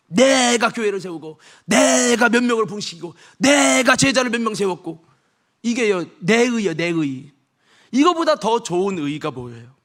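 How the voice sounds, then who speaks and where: High-voiced man preaching forcefully. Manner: emphatic preaching, shouting and dropping to a whisper. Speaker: pastor. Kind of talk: sermon. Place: church sanctuary.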